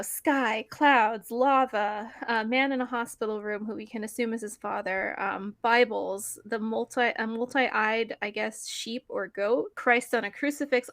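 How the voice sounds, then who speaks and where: A woman with a fairly high voice walks through a film's plot in relaxed podcast chat. She leans on "like" fillers and breaks into little laughs as she goes. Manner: chatty, frequent "like" fillers and laughs. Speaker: podcast co-host. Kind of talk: casual film recap chat.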